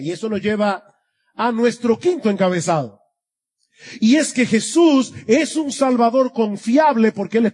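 A pastor delivers an expository sermon to his congregation in a high, slightly mellow, husky voice. He is earnest, and his voice swells and drops for emphasis.

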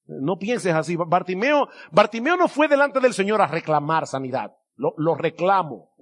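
High-voiced male preacher giving a sermon. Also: a bit bright. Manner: emphatic, slows down to stress key words.

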